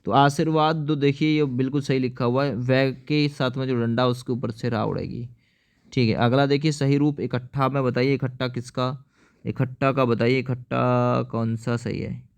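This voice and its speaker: A man's voice: medium pitch, steady tone, normal speed. A man teaching an exam-prep lesson, explaining each answer step by step and often asking viewers to answer.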